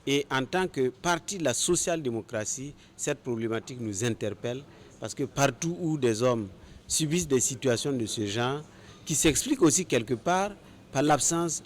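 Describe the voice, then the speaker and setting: A man's voice: mid-range voice, a little hiss or hum. A man speaking as a party official in a formal, rhetorical interview soundbite.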